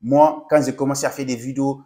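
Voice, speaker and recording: Here a young adult content creator, not native to French, talks fast in a mellow, medium-pitched voice with fairly even intonation. It's a laid-back tutorial vlog where he cheers viewers on and keeps calling them "les gars".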